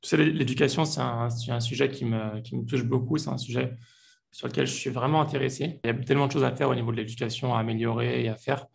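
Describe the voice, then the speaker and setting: A man hosting an interview podcast, calm and polite as he welcomes his guest. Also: medium pitch, fast, gravelly, husky. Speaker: podcast host. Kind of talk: casual interview talk.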